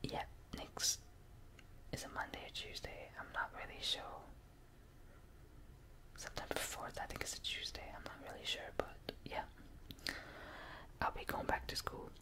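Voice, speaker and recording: A young person speaks entirely in a soft whisper, very slowly and without hurry. The delivery is a casual ASMR ramble, breathy and intimate, placed right up at the ears through a close binaural microphone. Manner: whispering ear to ear, close to the listener. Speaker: ASMR video maker.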